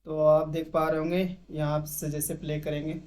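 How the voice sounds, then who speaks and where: Speaking at normal speed in a level tone, a young man with a high-ish, darkish voice runs a casual screen-share tutorial. He takes viewers through settings step by step, dropping English terms into his explanations.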